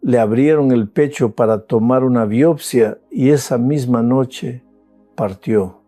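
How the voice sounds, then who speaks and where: An older male pastor delivers a sermon in an unhurried, deliberate cadence, leaning on long pauses and swells of emphasis. His tone is dark and mellow. The voice sits close and dry, with soft music underneath. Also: medium pitch, no echo. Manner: slow, measured preaching with dramatic pauses and rising emotional emphasis.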